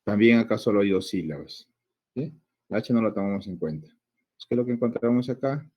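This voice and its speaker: A male teacher with a Peruvian Spanish accent explains a grammar lesson step by step. His voice sits low and dark with a husky grain. He keeps checking in with short questions and stretches words out slowly to sound them out. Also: animated.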